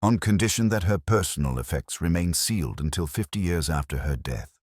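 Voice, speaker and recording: A man voicing a weary, brooding middle-aged police inspector, narrating a mystery in the first person in a measured, reflective way. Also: low-pitched, expressive, darkish tone, no echo, studio quality.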